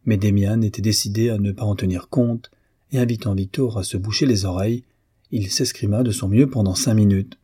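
Man, audiobook narration, low voice, dry close sound, measured pace. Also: breathy edge, no room sound. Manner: measured, expressive storytelling. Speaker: audiobook reader. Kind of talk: scripted narration.

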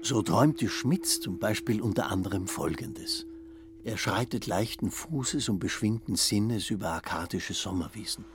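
A man's voice: fairly low pitch, measured pace. A man narrating a radio play with lilting, dreamy storytelling. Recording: radio play with clear ambient noise.

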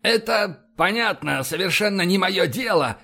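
A man reading an audiobook, voicing a sharp-tongued, teasing woman officer on a spaceship. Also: high voice, expressive, moderate pace, voice pushed up. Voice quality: teasing, cocky.

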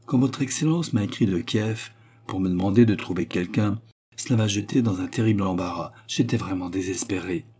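A man's voice: on the low side, fairly quick, mellow, slightly rough. A man voicing a pompous, self-important male underling giving a prepared speech in an audiobook. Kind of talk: audiobook character reading.

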